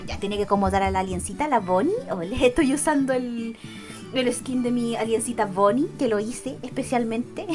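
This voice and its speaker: A young woman with a Chilean Spanish accent chatting casually on a live stream, giggling often, greeting viewers by name and swearing now and then. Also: on the high side.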